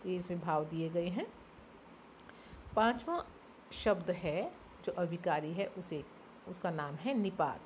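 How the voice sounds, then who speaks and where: Speaking slowly with frequent pauses, a woman with a fairly low voice and lively intonation teaches a classroom-style grammar lesson. She explains step by step, asks herself questions and answers them, with slight noise in the background.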